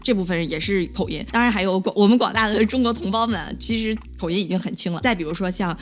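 A woman's voice: mid-range voice, fast talker, faint music behind. A young woman from China chatting casually to her viewers as a vlogger, mixing English words into her talk. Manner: chatty, laughs often, mixes in English words. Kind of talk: casual chat.

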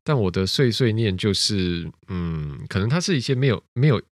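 A man's voice: lowish voice, lively intonation, normal speed, no echo, clean studio sound. A man, a podcast co-host chatting casually in a rambling, self-mocking way. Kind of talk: casual chat.

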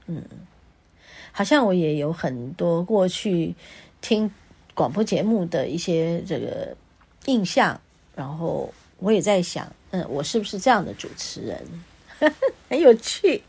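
A woman's voice: fairly low pitch, creaky, a little mellow, slightly rough. Chatty Taiwanese woman hosting a podcast. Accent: Taiwanese Mandarin. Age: middle-aged. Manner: chatty, laughs often, acts out quoted dialogue. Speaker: podcast host and healer. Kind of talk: casual solo podcast chat. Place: home.

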